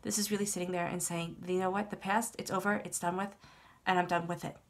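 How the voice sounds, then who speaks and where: Congested with a cold, a tarot reader delivers a monologue to camera for her channel in a fairly low, flat voice at a fast clip. Her manner is soothing and reassuring, and she repeats herself often.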